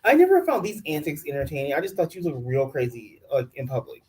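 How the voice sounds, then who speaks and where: A man's voice: a little high, wildly swooping pitch, fast, a little mellow, rough recording. A man in his forties co-hosting a reality-show recap, laid-back with wry jokes and lots of "like". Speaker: podcast co-host reviewing a reality show. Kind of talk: casual commentary chat.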